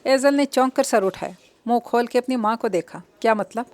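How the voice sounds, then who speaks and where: A woman narrating a romance novel aloud with a steady storytelling delivery. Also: a little high.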